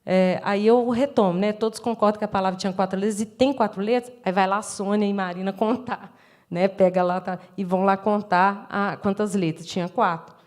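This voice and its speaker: A woman's voice: mid-range voice, steady tone, fairly quick, a little mellow. A middle-aged woman with a Brazilian Portuguese accent, giving a lecture as an education professor, explaining step by step and acting out classroom exchanges with frequent tag questions. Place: lecture room.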